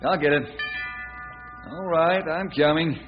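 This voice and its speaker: An actor playing a friendly, helpful ranger hero with a husky voice and hearty, neighborly manner in a radio western. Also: male voice, fairly high pitch, a little slow, over music, lightly acted. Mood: hearty, welcoming. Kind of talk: old time radio western acting. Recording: dull old radio recording.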